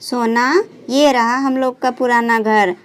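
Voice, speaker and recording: A woman's voice: on the high side, fairly even intonation, takes it slowly, clear, resonant tone. A woman voicing a busy young mother in a doll storybook who chides firmly but cares. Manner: firm, chiding but caring.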